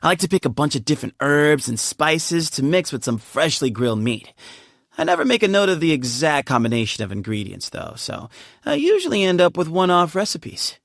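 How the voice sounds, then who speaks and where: This heavily acted performance features a fairly high, somewhat bright and gravelly male voice with huge pitch swings, with no echo. A game voice actor plays a relaxed, playful young man heading a desert temple, chummy and quick to laugh, recorded dry on a studio microphone.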